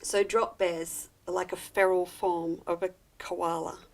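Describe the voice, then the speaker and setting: An Australian woman chatting casually on a live craft show, teasing and quick to laugh as she presents quilting fabrics. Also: on the low side, flat delivery.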